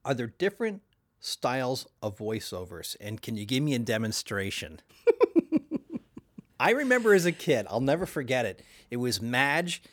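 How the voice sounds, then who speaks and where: A man's voice: mid-range voice, very animated, normal speed. A man hosting a casual interview, upbeat, laughing often and asking eager questions. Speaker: interview host.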